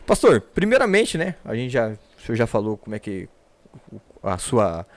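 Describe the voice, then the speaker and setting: A man's voice: mid-range voice, sing-song, normal speed. A man from Paraná hosting a church podcast, rambling and repeating words, respectful toward his guest. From Paraná, Brazil. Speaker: podcast host.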